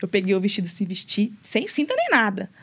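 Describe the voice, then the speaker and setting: A young adult woman, a guest on a podcast, telling her own story casually and in an animated way, acting out what people said. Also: mid-range voice, fast, husky. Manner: animated, storytelling with lots of quoted dialogue.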